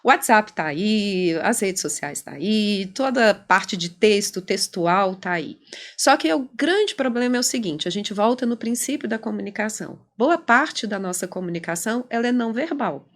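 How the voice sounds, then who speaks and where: A woman clinical psychologist with a Brazilian accent, explaining ideas in an animated conversational interview. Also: medium pitch, normal speed. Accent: Brazilian Portuguese. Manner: animated, explanatory, acts out quoted dialogue.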